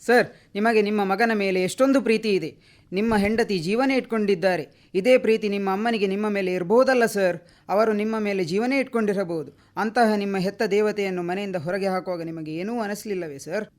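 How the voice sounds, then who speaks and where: A man's voice: high-pitched, a little fast, close to an everyday voice. A man playing a young man who poses as a kidnapper and speaks earnestly and respectfully to the old mother in a radio drama. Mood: reproachful.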